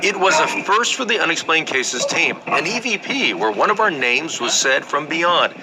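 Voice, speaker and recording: A man narrating a paranormal investigation show in a measured, scripted documentary style. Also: a little high, big pitch swings, over loud music, poor audio.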